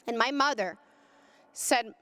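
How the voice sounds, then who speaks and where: A woman giving an impassioned personal testimony, speaking with deep feeling and rising to cries at its peaks. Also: slow, sharp tone, big-room sound. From California. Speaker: pro-life speaker. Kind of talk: emotional testimony talk.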